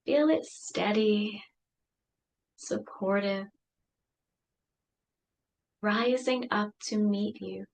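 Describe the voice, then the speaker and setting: A woman leading a guided meditation, speaking softly and soothingly with long pauses. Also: medium pitch, steady tone, creaky.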